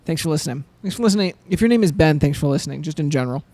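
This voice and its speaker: A man's voice: on the high side, expressive, racing, darkish tone, no room sound. A young man co-hosting a coffee podcast, chatting casually and playfully joking with his co-host. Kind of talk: casual chat.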